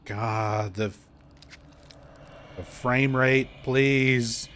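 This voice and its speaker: Low-voiced man giving casual game commentary. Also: a little slow, a little hiss or hum. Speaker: game streamer. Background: faint game ambience.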